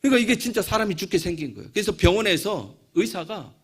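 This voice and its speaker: A male pastor telling a story in a sermon, dropping to hushed asides and rising into fervent prayer. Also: high voice, animated, quick pace, slightly rough.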